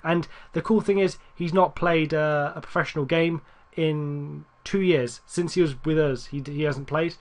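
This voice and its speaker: A man giving casual, rambling gameplay commentary, correcting himself often and getting excited at near misses. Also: on the high side, moderate pace, hardly any pauses. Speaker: gaming YouTuber.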